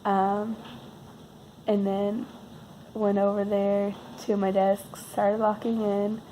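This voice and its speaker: A woman's voice: medium pitch, monotone, takes it slowly, mellow, a little hiss or hum, rough recording. A woman vlogger who sounds sick and losing her voice, telling a casual, rambling personal story with wry, self-deprecating understatement.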